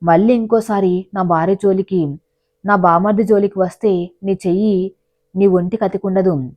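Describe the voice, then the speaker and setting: A woman's voice: medium pitch, steady tone, normal speed, darkish tone, dry recording, close to an everyday voice. Woman reading as a fiercely protective young husband. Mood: angry warning. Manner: fierce and warning.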